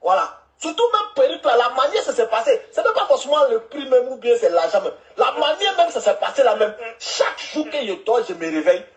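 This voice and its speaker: A woman's voice: high-pitched, big pitch swings, a little fast, few pauses. A woman voicing an annoyed man who keeps scolding his partner over money, in a comic dub. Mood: insistent. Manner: repetitive, insistent complaining. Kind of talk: comic voice dubbing.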